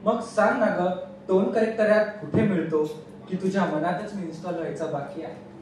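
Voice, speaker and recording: A young male student poet recites a humorous poem on stage at a student event, teasing and mock-exasperated. His voice sits high and moves at a normal speed. He's recorded from far off in a large echoey hall, with faint noise.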